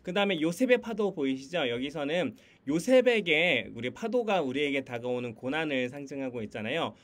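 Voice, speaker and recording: Lively high-voiced man leading a video call. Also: fairly quick. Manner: lively, laughs often, teasing game voice. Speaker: Sunday school curriculum presenter. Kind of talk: online teacher training. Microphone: computer mic on a video call.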